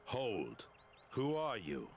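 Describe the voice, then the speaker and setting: An actor playing a terse bounty hunter hero in a video game, with stilted, wooden bad acting. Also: male voice, lowish voice, huge pitch swings, extremely slow, background noise, heavily acted. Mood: terse, demanding.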